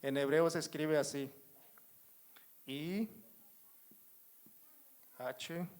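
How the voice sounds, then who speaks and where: A man with a Mexican Spanish accent teaches a Bible study to a congregation, speaking at an unhurried pace. His voice sits fairly high for a man. He repeats himself and often stops to check that his listeners are following. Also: fairly even intonation, clean tone. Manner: addresses the congregation as brothers, asks if they follow; writes on a board while explaining. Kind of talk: slow, repetitive Bible teaching. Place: church.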